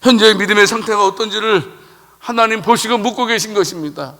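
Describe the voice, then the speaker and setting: High bright preaching man in echoing hall. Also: fairly quick. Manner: rhetorical questions, swelling emphasis then dropping low. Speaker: pastor. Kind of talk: sermon. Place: church sanctuary. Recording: long church hall reverb.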